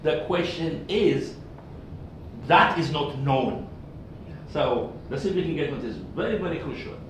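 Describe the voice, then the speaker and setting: A man's voice: fairly high pitch, unhurried. An older man from Ethiopia speaking up from the audience at a public forum, insistent and repetitive as he presses his point. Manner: emphatic, repetitive, rising insistence. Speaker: audience member asking a question. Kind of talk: impassioned public forum comment. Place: large conference room with audience. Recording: very echoey distant room recording, noisy.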